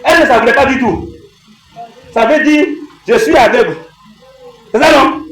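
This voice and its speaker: A man preaching a call-and-response sermon, shouting with emphasis, repeating phrases and quizzing the congregation. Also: very high voice, normal speed, faint music behind. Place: church service with congregation. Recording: echoey hall, far-off mic, crowd.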